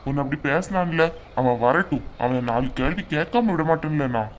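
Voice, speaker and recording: Cartoon role: bossy, caring elderly father-in-law, deep-voiced, voiced by a woman. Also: lively intonation, normal speed, a little hiss or hum. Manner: scolding, protective. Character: older father-in-law, stern but caring. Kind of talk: cartoon voice acting.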